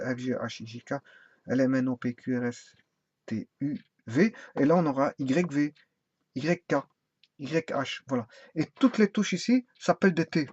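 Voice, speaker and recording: A man's voice: fairly high pitch, a little mellow, breathy edge, no room sound. A man explaining a laptop keyboard in a casual spoken tutorial, rambling and hesitant with many fillers and restarts. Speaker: tutorial presenter. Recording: dull lo-fi sound with faint hiss.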